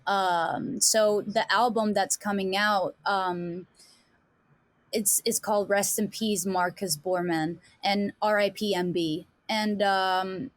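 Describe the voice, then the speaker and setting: A Danish-accented woman from Denmark, guesting on a podcast as a musician, chats casually with many fillers and restarts. She speaks slowly in a mid-range voice with fairly even intonation, and there's no echo.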